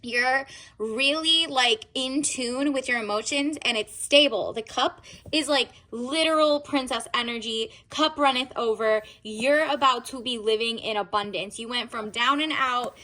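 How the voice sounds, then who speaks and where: A woman's voice: fairly high pitch, unhurried, sharp tone. A woman hosting a casual tarot reading for viewers, chatty and slangy, with encouraging talk. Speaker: tarot reader and channel host.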